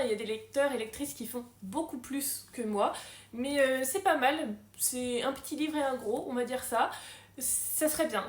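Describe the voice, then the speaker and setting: A woman's voice: high voice, reverberant. A young woman chatting casually about her reading plans in a book vlog, self-mocking and full of fillers. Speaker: book vlogger.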